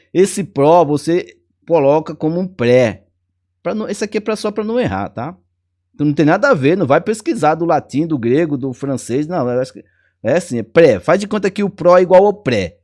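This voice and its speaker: A man's voice: a little high, animated, normal speed, darkish tone. A man teaching a grammar lesson for an exam, chatty and playful, repeating key words and chuckling often.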